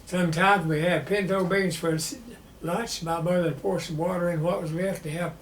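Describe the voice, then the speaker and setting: In his nineties, a Southern man who served in the war recalls his experiences for an interviewer. His male voice is high-pitched and steady, and he speaks plainly and haltingly. The room echoes, with faint noise in the background.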